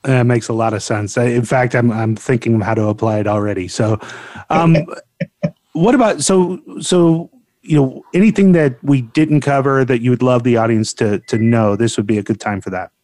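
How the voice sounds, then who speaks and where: A man's voice: medium pitch, normal speed, a little mellow, dry recording. Casual male interviewer, dry close sound. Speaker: interviewer, host.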